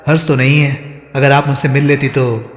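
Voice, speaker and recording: A man reading the part of a bold, steady-voiced reporter in an audiobook. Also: mid-range voice, moderate pace, natural voice. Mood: confident. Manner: steady, confident. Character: bold, smooth-talking male reporter. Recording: roomy echo, long reverb.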